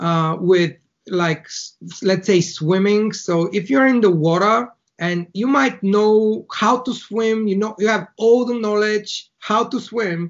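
This Bulgarian-accented guest talks through his thinking in a relaxed interview, using analogies and short, restarting phrases. His voice sits high and moves at normal speed with hardly any pauses, recorded with dull audio.

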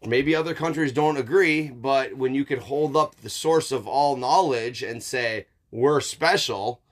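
A man's voice: mid-range voice, measured pace. A man chatting casually and reflectively as a podcast host, informal and emphatic, with some swearing and frequent checks for agreement. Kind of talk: casual philosophical chat.

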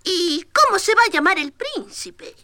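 Woman doing a squeaky eager boy rabbit. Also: big pitch swings, unhurried, bright, forceful tone, no room sound, full character voice. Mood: playful. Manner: chirpy and eager. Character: lively cheeky young male rabbit.

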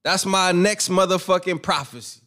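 In a pushed, bright, high voice at normal speed, a brash young boxing commentary host shares his opinions in a casual monologue. His delivery is rambling, profane and self-assured.

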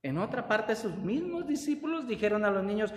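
A pastor preaching a lively sermon, drawing responses from the congregation, with laughing asides. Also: mid-range voice, brisk. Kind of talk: Pentecostal-style preaching sermon. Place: church hall. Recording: roomy church hall with long reverb.

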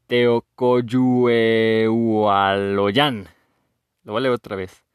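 A man's voice: mid-range voice, normal speed, dry recording, clean studio sound. A man with a Mexican accent hosting a podcast as a casual, joking monologue full of slang and swearing. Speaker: podcast host.

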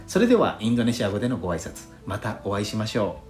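His pitch is fairly low and swings widely as he moves at a quick pace. The man, a podcast host, reads listener letters in a polite, formal, courteous manner; soft lo-fi flute jazz plays faintly and the space sounds roomy and echoey.

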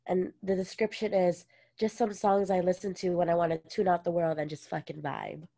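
Fairly low, creaky, and dark, this young Hawaiian woman's voice keeps a fairly even intonation at normal speed as she co-hosts a podcast. The chat is casual and chatty, peppered with "like" and frequent laughter.

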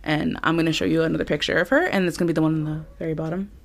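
Young woman podcast co-host, lowish voice, chatty storyteller who laughs a lot. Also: steady tone, rapid-fire, creaky. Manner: storytelling, laughs often, acts out quotes. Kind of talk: casual chat.

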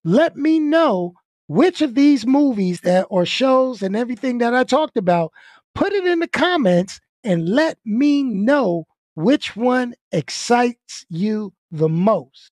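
In a very high, sing-song, slightly mellow voice, a YouTube host from Brooklyn, New York, slowly jokes through his stream's casual outro. He's hyped and talks straight to viewers; the audio is studio quality with no echo.

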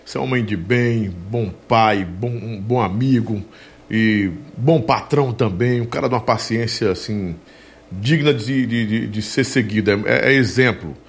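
A man's voice: lowish voice, moderate pace. A man hosting a podcast in a chatty, joking way and reading sponsor plugs. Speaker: podcast host. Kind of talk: casual podcast chat.

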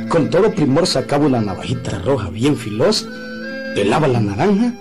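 A man's voice: medium pitch, very animated, moderate pace, music in the background. A man narrating a comic radio drama in a storytelling manner.

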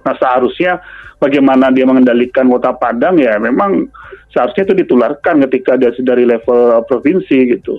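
Man, interviewed commentator, thinking aloud with hesitant pauses, gravelly voice, phone-like sound. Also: medium pitch, dry recording, soft background music. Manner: hesitant, searching for words with frequent pauses and filler phrases. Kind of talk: spoken radio interview commentary. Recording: thin phone-line sound.

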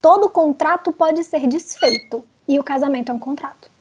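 A woman on a panel, reasoning her point deliberately and with some hedging. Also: high-pitched, darkish tone. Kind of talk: casual panel discussion.

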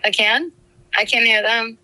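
A woman's voice: a little high, steady tone, measured pace, bright, forceful tone, poor audio. Hesitant woman on speakerphone. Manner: hesitant, brief replies. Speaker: friend calling in.

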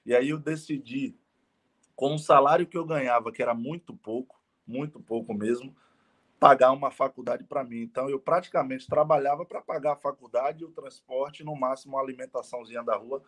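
A man's voice: medium pitch, a little fast, fairly bright tone. A man, a guest telling his life story in a casual live interview and earnestly repeating phrases for emphasis. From Salvador, Bahia, Brazil. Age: 30s. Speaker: guest entrepreneur.

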